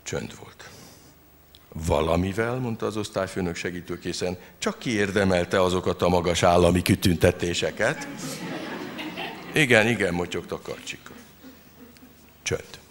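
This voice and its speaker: A man reading his satirical story aloud in a dry, deadpan way. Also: deep voice, a little hiss or hum. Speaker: reader of his own humorous story.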